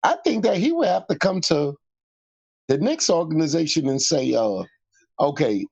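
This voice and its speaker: A man's voice: on the high side, sing-song, moderate pace, creaky, darkish tone, breathy edge. A man joining a sports talk show who talks in a laid-back, slangy way. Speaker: co-host or guest.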